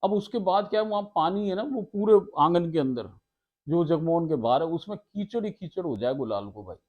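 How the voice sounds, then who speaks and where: A man's voice: fairly high pitch, lively intonation, brisk, narrow, tinny audio. A man, giving a devotional talk, chatting casually and laughing often between passages he reads out. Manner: homely, laughs often, addresses listeners as sarkar. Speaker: devotional storyteller. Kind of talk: devotional talk mixing casual asides with read scripture.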